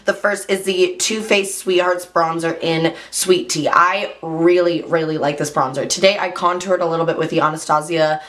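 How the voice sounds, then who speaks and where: A woman talking casually about her favorite beauty products, hoarse after losing her voice, chatty and full of "like", clearing her throat now and then. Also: lowish voice, steady tone, normal speed, few pauses, a bit bright. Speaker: beauty vlogger. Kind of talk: casual chat.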